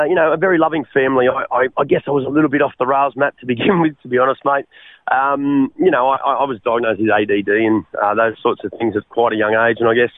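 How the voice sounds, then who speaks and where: Over a tinny, dry phone line, a mid-range male voice with an Australian accent tells his life story. He's a guest in his forties from Western Sydney sharing his testimony in a casual interview, rambling with many fillers and restarts and calling the host "mate."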